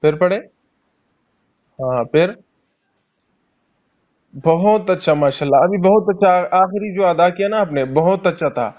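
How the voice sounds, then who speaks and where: A man teaching Quran recitation in an online class, patiently repeating and sounding out letters slowly for a student, with a Pakistani Urdu accent. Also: high-pitched, a little mellow, lo-fi sound. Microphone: online call.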